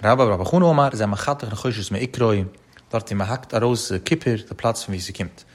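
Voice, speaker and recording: Fast-talking man teaching Talmud. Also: lowish voice. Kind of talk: Talmud study lecture.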